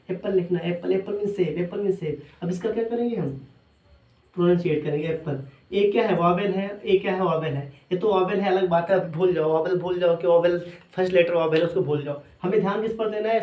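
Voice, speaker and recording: A man's voice: high voice, mellow. A male teacher gives a lecture, asking questions and answering them himself, and repeating them often. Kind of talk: classroom lecture. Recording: echoey room.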